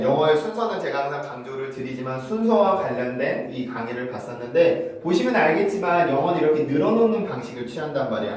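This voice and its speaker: A man teaching English pronunciation in an online lesson, repeating model words slowly in drills. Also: fairly high pitch, very echoey, far from the mic, rough recording. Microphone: lavalier or shotgun mic on phone camera.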